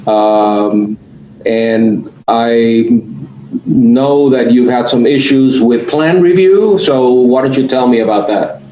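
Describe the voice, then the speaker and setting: A man presiding over a formal hearing as magistrate, explaining rulings in a measured, halting way. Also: mid-range voice, warm tone. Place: online public hearing on video call. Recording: echoey room, faint background noise.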